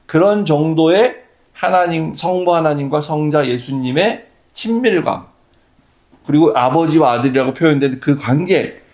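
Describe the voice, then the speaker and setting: A man's voice: a little high, darkish tone. A man preaching a sermon as pastor, conversational and full of rhetorical questions.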